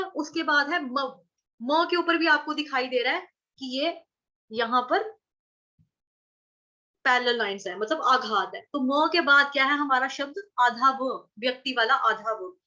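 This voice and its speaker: A woman teaching Sanskrit verse pronunciation in an online class, patiently repeating syllables and chanting lines slowly over a video call. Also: sits high, pushed and bright, muffled recording. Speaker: Gita recitation teacher.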